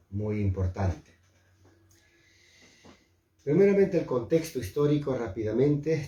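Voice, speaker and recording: Deep, dark-voiced preacher man, echoey. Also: distant mic. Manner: lively, repeats phrases, adds questioning tags. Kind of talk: morning devotional Bible teaching. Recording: echoey room, voice set back from the mic.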